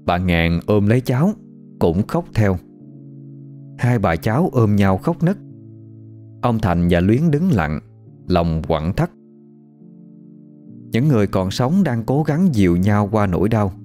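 A man narrating a scripted ghost story in an expressive storytelling manner. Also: fairly low pitch, takes it slowly, long pauses, soft background music.

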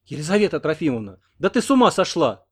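A man's voice: a little high, very animated, fast, husky, voice pushed up. A man reading an audiobook, voicing a fawning, easily flustered local man. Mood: alarmed. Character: nervous fawning local man, eager to please.

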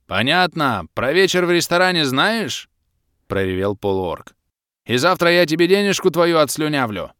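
A man voicing a loud, brash male half-orc mercenary who shouts over the wind in an audiobook. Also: high-pitched, very animated, normal speed, dry recording, studio quality. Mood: hollering. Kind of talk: audiobook character reading.

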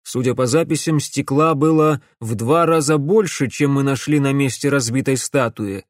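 A man's voice: medium pitch, normal speed, dry recording, studio quality, lightly acted. A man voicing a determined male police chief laying out evidence in an audiobook. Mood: firm.

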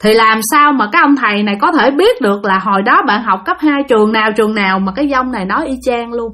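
A woman narrates ghost stories in a casual, chatty way. She speaks directly to her listeners as she goes. Her voice sits on the higher side. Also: animated, fast talker, sharp tone. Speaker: storyteller.

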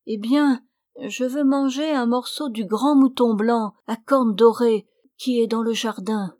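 A treacherous young maidservant pretends to be sick, her voice pitched high and whining, as a woman puts her on. She pleads and insists in a plaintive tone. The storybook recording sounds dry and close. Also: fairly even intonation, unhurried, darkish tone, no room sound, lightly acted. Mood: feigned sickly. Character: scheming young maidservant feigning sickness.

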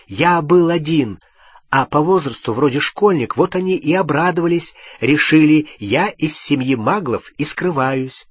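A man's voice: on the high side, animated, unhurried, husky, no room sound, voice pushed up. Ron, a man voicing a defensive teenage boy. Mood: explaining. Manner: pleading, shouting back defensively. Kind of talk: audiobook character voice.

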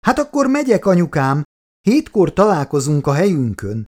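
A man's voice: a little high, huge pitch swings, a little mellow, pitched above the performer's own voice. A man voicing a cheerful, teasing young adult daughter in a radio-style reading. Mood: chirpy.

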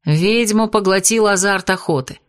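A woman reading fiction aloud in a lively, dramatic narrating manner. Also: medium pitch, moderate pace. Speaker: audiobook narrator.

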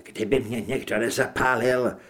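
A man's voice: mid-range voice, fairly even intonation, fairly bright tone, lightly acted. A man voicing a tough male monster hunter who answers with curt, dry replies. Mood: defiant.

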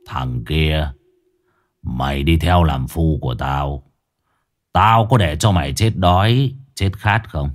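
A man voicing a cold, menacing middle-aged gang boss who talks slowly and threateningly. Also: rumbling low, pitched below the performer's own voice. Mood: cold menace.

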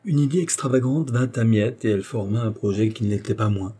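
A man calmly narrating a children's tale as an audiobook. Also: fairly low pitch, brisk, breathy edge.

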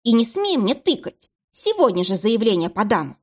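A woman reading aloud and voicing a sharp-tongued, defiant young female office worker with a scornful, cutting manner. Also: on the high side, sing-song, moderate pace.

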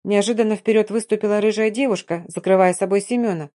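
A woman narrating a first-person audiobook in a calm, even reading voice. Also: mid-range voice, fast talker.

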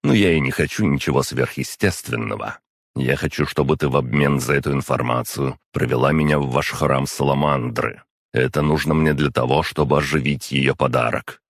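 A man reading an audiobook and voicing a calm, unflappable young man who speaks flat and blunt. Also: rumbling low, normal speed, creaky, no echo, clean studio sound, full character voice. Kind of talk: audiobook narration.

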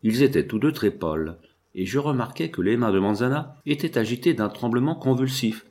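A man reading a first-person novel aloud in a steady, measured way, lifting his tone for the quoted speech. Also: medium pitch. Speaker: audiobook reader. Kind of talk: scripted first-person narration.

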